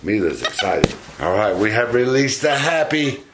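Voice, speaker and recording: A man's voice: on the low side, sing-song, normal speed, background noise. Doting man coaxing his pet monkeys. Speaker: pet monkey owner and video host. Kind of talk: casual home video talk to pets.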